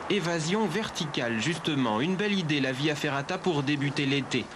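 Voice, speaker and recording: Fairly high-voiced male news narrator. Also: lively intonation, a little fast, very noisy. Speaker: regional news presenter.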